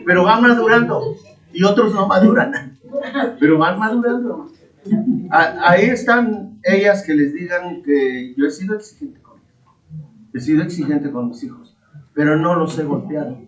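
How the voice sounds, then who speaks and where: A man's voice: high-pitched, moderate pace, a bit bright. A middle-aged Mexican man, a pastor teaching a Bible class in a firm preaching tone, calling his listeners brothers. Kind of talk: class talk with sermon tone. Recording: echoey distant mic, dull sound.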